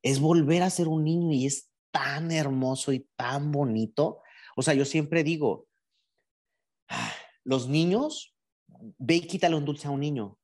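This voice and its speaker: A man talks in a relaxed conversation. He is thoughtful and explains his ideas patiently, often acting out what other people would say. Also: a little high, unhurried. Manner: reflective, explanatory, voices imagined speech. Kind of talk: casual conversation.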